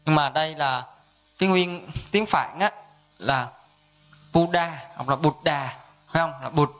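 Monk teaching a class. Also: male voice, on the high side, normal speed, a bit bright, smooth. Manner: conversational, asks listeners to confirm often. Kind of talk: dharma class lecture. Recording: dull lo-fi sound.

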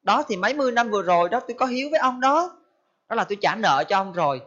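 Man doing a calm dutiful son. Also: high-pitched, very fast, full character voice. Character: grateful dutiful son saying farewell. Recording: dull lo-fi recording.

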